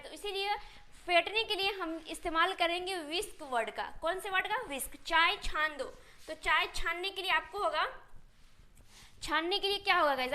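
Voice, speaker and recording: A woman teaching spoken English in Hindi. She keeps asking the class questions and answering them herself, and she slows down to spell out each English phrase. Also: very high-pitched, sharp tone.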